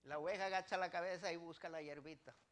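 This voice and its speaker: A man's voice: a little high, fairly even intonation, fast, a bit bright. A male pastor preaching a sermon, rising to emphatic declarations and putting direct questions to the congregation.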